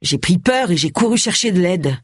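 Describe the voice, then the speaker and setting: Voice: mid-range voice, expressive, moderate pace, breathy edge, no room sound, clean studio sound. A narrator voicing a young man insisting on what he saw, in an urgent manner. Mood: insistent. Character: shaken young man who found a body.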